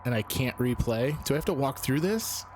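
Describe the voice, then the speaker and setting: A man's voice: mid-range voice, expressive, moderate pace. Nervous man streaming a horror game, noisy background. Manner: nervous, uneasy reacting to a scary game; sweary, informal. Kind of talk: casual gameplay commentary.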